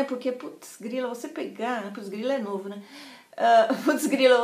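A middle-aged woman, talking in a fairly high voice. She tells her story casually and animatedly and slips into other people's lines. The room is echoey. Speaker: vlogger sharing a personal experience. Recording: roomy, echoey room sound.

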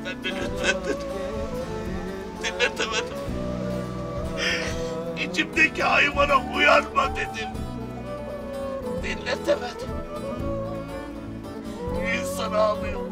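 A man acting a distraught husband in a melodramatic TV scene, swinging between sobbing lines and shouts. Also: very high voice, huge pitch swings, takes it slowly, long pauses, exaggerated voice. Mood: overwrought. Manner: overwrought, swings from sobs to shouts. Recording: distant voice over loud violin music.

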